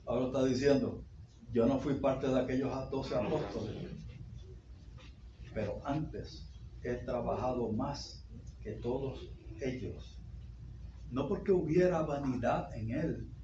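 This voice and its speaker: Spanish-speaking pastor preaching in an echoey church. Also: male voice, medium pitch, takes it slowly, long pauses, background noise. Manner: preaching with repetitions and sudden loud peaks. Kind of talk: sermon. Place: church sanctuary. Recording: echoey dull church recording.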